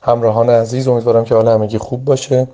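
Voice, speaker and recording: A hoarse man teaching English words, reading each word aloud and then giving its meaning. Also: medium pitch, little pitch movement, dark tone. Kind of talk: vocabulary pronunciation lesson. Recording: dull lo-fi audio file.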